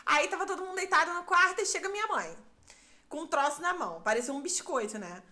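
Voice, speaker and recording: A woman's voice: high-pitched, fast. A woman co-hosting a podcast, telling a funny story in casual chat and mimicking voices as she goes. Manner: animated, mimics voices in quotes, laughs often. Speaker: podcast co-host.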